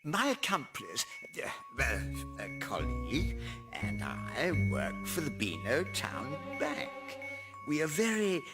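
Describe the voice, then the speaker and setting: Smarmy, swooping cartoon villain banker. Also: male voice, a little high, huge pitch swings, takes it slowly, over loud music, heavily acted. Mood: smarmy persuasion. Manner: oily, condescending, grandiose. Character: scheming, smarmy, self-important grown-up male villain banker. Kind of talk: animated cartoon voice acting.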